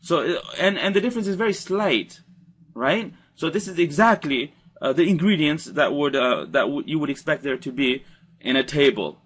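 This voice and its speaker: A man's voice: on the high side, expressive, normal speed, fairly bright tone, breathy edge. A man teaching Arabic verb conjugation in a recorded slide lecture, explaining patiently and repeating key points.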